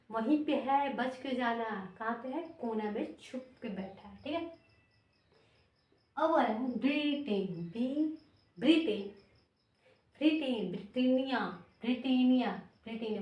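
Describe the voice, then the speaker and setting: A woman teaching memory tricks in Hindi with a Bihari accent, repeating each word over and over as a drill. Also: fairly high pitch. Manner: repetitive, chanting drills. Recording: roomy, from a distance.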